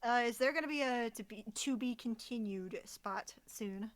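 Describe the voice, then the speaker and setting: A woman's voice: on the high side, normal speed. A woman co-hosting a let's play, chatting casually about the game. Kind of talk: casual gaming chat.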